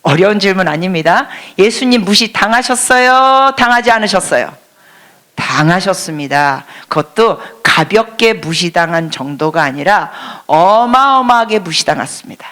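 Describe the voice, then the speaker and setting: A woman's voice: lowish voice, lively intonation, moderate pace, a bit bright. A woman missionary preaching a sermon in church, quizzing the congregation and dropping to a whisper for emphasis. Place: church service before a congregation.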